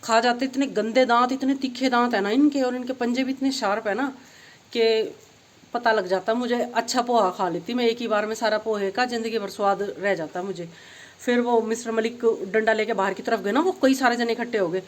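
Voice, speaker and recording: A woman's voice: on the high side, brisk. Chatty middle-aged woman vlogging at home. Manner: chatty storytelling, grows excited retelling events. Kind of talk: casual vlog chat.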